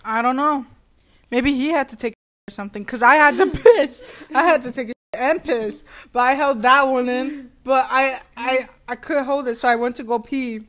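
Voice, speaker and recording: Young woman vlogger, lively laughing storyteller, slightly high voice. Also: normal speed. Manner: animated, laughing, sassy retelling. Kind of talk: casual storytelling chat.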